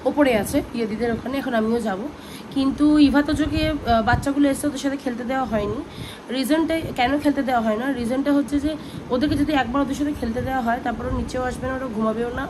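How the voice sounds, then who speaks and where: A woman, rambling through a casual family vlog at home and often saying "anyway". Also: high-pitched. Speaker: family vlogger, mother of twins. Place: at home, indoors. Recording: noisy home ambience.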